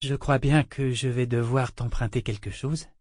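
A man's voice: medium pitch, steady tone, normal speed, darkish tone, no echo, clean studio sound, natural voice. A man voicing a young woman who pleads in a breaking voice. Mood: teasing. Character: young woman, distraught then pleading and tender.

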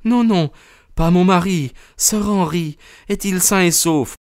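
A man reading aloud, voicing a distraught young woman in a high, pleading voice. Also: fairly even intonation, normal speed, clean tone, no echo, clean studio sound, natural voice. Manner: breathless, high pleading delivery.

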